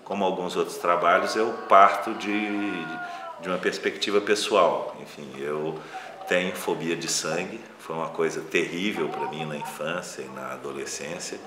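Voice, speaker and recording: A film director with a Brazilian accent talks casually about his filmmaking in an interview, reflective and prone to loosely phrased asides. His voice is deep, with fairly even intonation at a normal speed. The room has an echo, and there's faint background noise.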